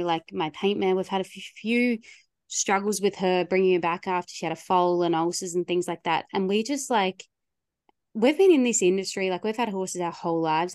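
A woman's voice: medium pitch, a little mellow, no room sound, clean studio sound. Woman co-hosting a chatty podcast. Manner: rambling, many fillers like "like" and "um". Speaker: podcast co-host. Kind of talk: casual podcast chat.

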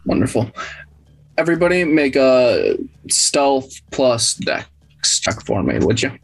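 A woman acting as game master, narrating a tabletop role-playing game in a casual, halting way. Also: rumbling low, big pitch swings, vocal fry, music in the background, rough recording.

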